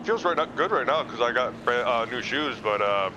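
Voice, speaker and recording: A man talking as a racing driver over a CB-style radio call from his truck. He speaks haltingly, with many uh and um fillers between short thoughts. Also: mid-range voice, animated, muffled recording, noisy background.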